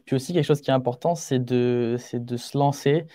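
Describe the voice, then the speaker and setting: An eighteen-year-old entrepreneur, appearing as a podcast guest, gives advice in conversational interview answers, earnest, informal, and emphatic, often repeating key phrases. His medium-pitched voice is warm and steady, brisk in pace, and recorded with studio quality and no room sound.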